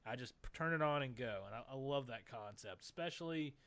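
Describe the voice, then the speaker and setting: A man talks fast in an easygoing podcast chat. He rambles and restarts his sentences often and keeps pushing ahead. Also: mid-range voice, animated, creaky, a bit bright. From Tennessee, USA. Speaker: podcast co-host. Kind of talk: casual chat.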